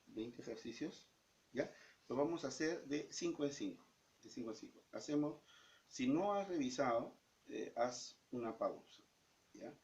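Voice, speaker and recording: A man's voice: mid-range voice, animated, unhurried, gravelly, darkish tone. A male teacher explaining exercises step by step, often checking in with the student. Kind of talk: recorded lesson explaining exercises. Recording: dull lo-fi sound.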